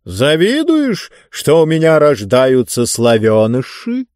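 A man voicing a skinny, loudmouthed male dictator who bellows commands at his prisoners. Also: on the high side, huge pitch swings, slow pace, no echo, studio quality, pitched above the performer's own voice, exaggerated voice. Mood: sly taunting.

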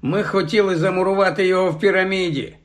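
Dry-witted teen boy, voiced by a man, sarcastic, raised pitch. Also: steady tone, fast, natural voice. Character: wry teenage twin boy, joker.

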